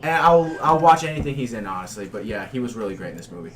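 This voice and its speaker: A man hosting a casual group movie discussion, excitable and quick to cut in on others. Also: mid-range voice, far from the mic. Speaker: podcast host. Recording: group chatter around the voice.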